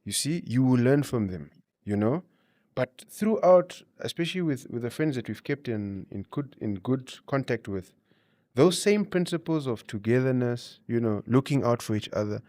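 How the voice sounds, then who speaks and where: A man talks as an interview guest in a mid-pitched voice. He explains his points conversationally, often checking in with 'you know' and 'you see'. The sound is close and dry, with very little room in it. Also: lively intonation, moderate pace, darkish tone, dry recording. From Namibia. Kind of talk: conversational interview advice and storytelling.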